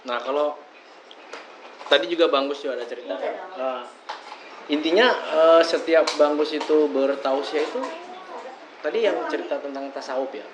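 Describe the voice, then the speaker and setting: A man's voice: on the high side, normal speed, pauses often, background noise. A man hosting a casual interview, asking rambling questions full of fillers. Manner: chatty, hesitant questions with many fillers. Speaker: podcast host.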